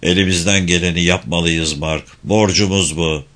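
A man voicing an aging, regretful general who speaks in a reflective, measured way. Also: deep voice, steady tone, fairly bright tone, voice pushed down. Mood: earnest.

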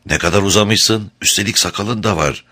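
A man reading the part of a lovesick young woman in a storybook, speaking softly and close to tears. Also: lowish voice, moderate pace, voice pushed up. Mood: yearning. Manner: soft, whispering, near tears.

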